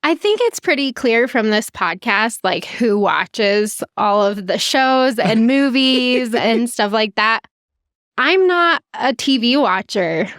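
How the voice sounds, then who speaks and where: Frank woman with a clear, higher voice. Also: lively intonation, takes it slowly, fairly bright tone, dry recording. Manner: frank, dry, talks in loose restarts. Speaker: podcast co-host. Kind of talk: casual podcast chat.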